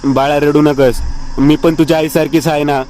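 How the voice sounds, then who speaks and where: A man voicing a gentle, motherly aunt who consoles her nephew. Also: a little high, flat delivery, moderate pace, slight background noise, lightly acted. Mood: soothing. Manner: soothing, consoling.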